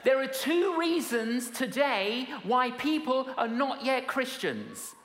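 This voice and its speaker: A woman's voice: high voice, very animated, takes it slowly. A woman preacher giving a sermon to a live congregation in a theatrical storytelling manner, with repeated phrases. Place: large hall with live audience. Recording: echoey hall, reverberant, audience noise.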